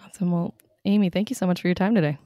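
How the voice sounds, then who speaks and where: A woman interviewing a guest, brisk and searching for words as she asks. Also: lowish voice, warm tone. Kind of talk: interview questions.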